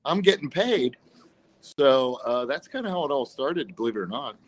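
A man's voice: medium pitch, animated, fairly quick, low-quality recording. A man, a singer, guesting on a radio show and telling stories about his career with light jokes. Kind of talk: casual interview.

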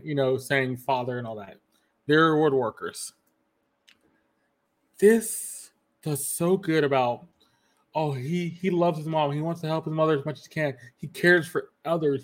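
A man hosting a casual podcast, eagerly retelling anime scenes and quoting characters as he goes. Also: fairly high pitch. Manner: retells scenes with quoted lines, many restarts. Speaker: podcast host. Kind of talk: casual anime review chat.

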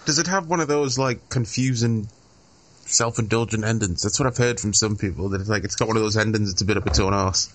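A man's voice: fairly low pitch, fast talker, a little hiss or hum. A jokey, sweary man co-hosting a casual film review chat. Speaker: podcast co-host.

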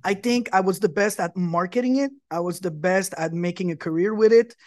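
A man's voice: high-pitched, brisk, darkish tone, dry recording, studio quality. A man from Quebec, a musician guest on a talk show, eagerly telling long stories about his career. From Quebec, Canada. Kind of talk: casual interview chat.

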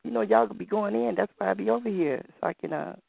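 A woman's voice: mid-range voice, quick pace, gravelly, breathy edge, no room sound. A woman calling in to a show and performing, with a theatrical, campy, queenly manner. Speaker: caller and spoken-word performer. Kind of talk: phone-in chat and spoken-word performance. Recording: muffled dry phone-line audio.

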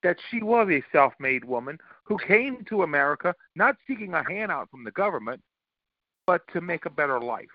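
A man makes his case on a political talk panel with force, restarting sentences as he goes. His voice sits a little higher than most men's. The recording is dry and dull, with a lo-fi edge. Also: big pitch swings, normal speed, dry recording. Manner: emphatic, argues with restarts.

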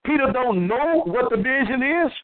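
A man's voice: extremely high pitch, animated, normal speed, narrow, tinny audio. A man co-hosting a Bible study who keeps jumping in with affirmations and questions. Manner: interjects often with affirmations and questions. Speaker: co-host of a Bible show. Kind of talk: call-and-response Bible study.

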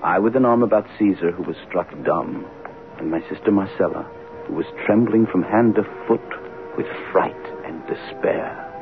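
A grown son telling of his childhood in a measured, reflective way. His voice is fairly low. The old radio sound is thin and phone-like, with music clearly beneath. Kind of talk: 1940s radio narration. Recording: tinny old radio broadcast with music under it.

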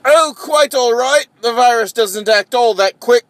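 A man voicing a cranky, excitable male scientist who shouts at his staff in a high, blustering voice. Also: measured pace, no echo. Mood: impatient. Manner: shrill, blustering, exasperated.

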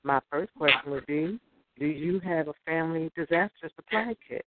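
A woman calling in over a clipped phone line, reciting scripture in a measured, preacherly way. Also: low voice. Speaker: caller. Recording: tinny phone line, faint noise.

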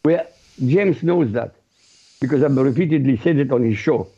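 A man's voice: medium pitch, moderate pace, warm tone, breathy edge. A man from Iraq, a blunt, outspoken panelist on a radio talk show. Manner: blunt, outspoken, laughs easily. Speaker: regular co-host panelist. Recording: muffled lo-fi line.

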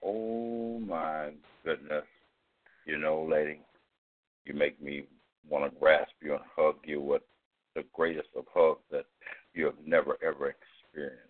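Deep husky man host over a phone. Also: unhurried, pauses often. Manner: warm, playful, stammering restarts. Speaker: radio show host. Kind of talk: casual live show chat. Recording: phone-line sound.

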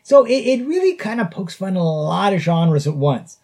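A man's voice: high voice, very animated, moderate pace, a little mellow. Chuckling man hosting a casual podcast. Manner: chuckles often between phrases. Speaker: podcast host. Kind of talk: casual review chat. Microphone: podcast mic.

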